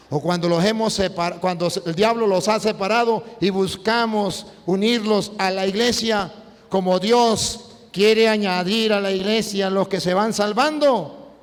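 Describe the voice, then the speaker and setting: Priest guy preaching, highish voice, jumps loud and soft a lot, long echo tail. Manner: animated storytelling with sudden swings in pitch and loudness. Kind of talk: preaching sermon. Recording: long hall reverb.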